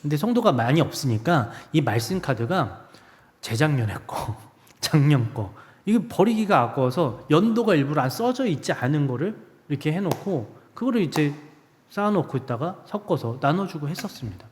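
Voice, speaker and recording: Animated male preacher in a reverberant church. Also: on the high side, moderate pace. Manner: storytelling with acted inner voices, swinging from loud to hushed. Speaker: guest preacher. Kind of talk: sermon. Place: church sanctuary.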